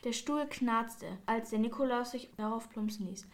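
Give me a woman with a higher voice reading a children's story gently. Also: steady tone, moderate pace.

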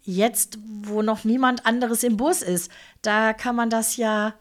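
A woman's voice: a little high, fairly even intonation, measured pace, close to an everyday voice. A woman voicing a fussy, pedantic middle-aged bookkeeper, stiff, formal and easily indignant. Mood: flustered.

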